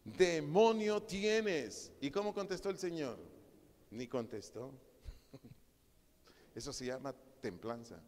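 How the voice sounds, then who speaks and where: Un pastor con acento mexicano que predica un estudio bíblico en tono conversacional y hace preguntas a la congregación. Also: male voice, mid-range voice, very animated, takes it slowly, long pauses, a little mellow. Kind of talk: sermon Bible study. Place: church hall. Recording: reverberant church hall.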